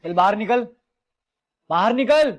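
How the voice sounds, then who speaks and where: A man's voice: high-pitched, lively intonation, unhurried. An actor playing a domineering young husband who talks harshly and hurls insults at his wife and her father. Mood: angry.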